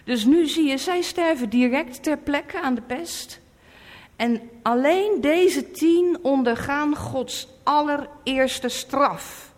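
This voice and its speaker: A woman's voice: high-pitched, slow pace. A woman preaching a sermon, emphatic and repeating her warnings. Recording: echoey hall.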